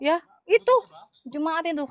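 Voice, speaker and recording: A woman's voice: very high voice, animated, normal speed, no echo. A middle-aged woman from Madura, Indonesia, an evangelist talking casually to her viewers, stressing and repeating her points. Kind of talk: casual livestream talk to viewers.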